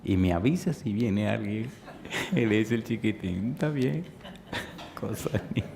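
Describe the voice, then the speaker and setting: A man's voice: on the low side, expressive, unhurried, vocal fry, darkish tone, slight background noise. A man in his fifties preaching a sermon, telling stories playfully and asking the congregation questions. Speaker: pastor.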